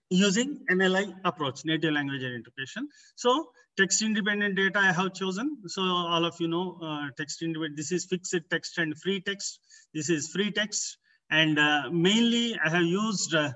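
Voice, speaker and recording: A man giving an academic research presentation, explaining in short, halting phrases as a conference presenter. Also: fairly high pitch, sharp tone. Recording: distant, far from the microphone.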